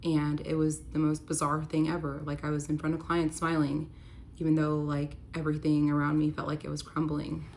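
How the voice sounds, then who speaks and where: A woman with a deep, low-set voice tells her own story in a candid vlog. She talks earnestly and emotionally, often saying "like." A faint hiss sits under her voice. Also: completely flat delivery, a little fast, creaky, a little mellow. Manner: earnest, emotional, heavy use of "like". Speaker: vlogger telling a personal story.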